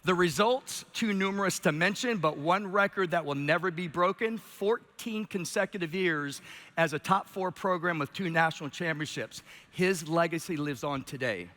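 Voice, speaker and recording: Bright, passionate man speaking in a hall. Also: a little high, normal speed. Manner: passionate, emphatic delivery. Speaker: keynote speaker. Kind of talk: motivational stage speech.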